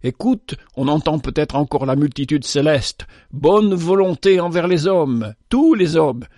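A man's voice: a little high, lively intonation, measured pace, warm tone, no room sound. Cast: a man playing a kindly shepherd, earnest and pleading, a touch raised, storybook reading, dry sound. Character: kindly devout male shepherd, earnest and warm-hearted.

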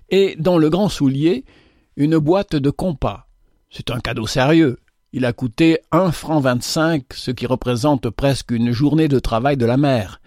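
A man reading a classic tale aloud in a measured, gentle way. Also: mid-range voice, no echo, clean studio sound. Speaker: narrator. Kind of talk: scripted storybook narration.

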